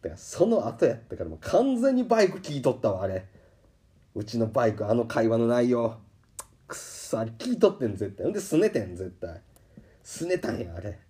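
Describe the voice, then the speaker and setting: Animated Kansai man with a dark voice. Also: medium pitch, fairly quick. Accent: Kansai Japanese. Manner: animated, acts out quoted voices. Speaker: podcast host. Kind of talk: casual storytelling monologue. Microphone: podcast microphone.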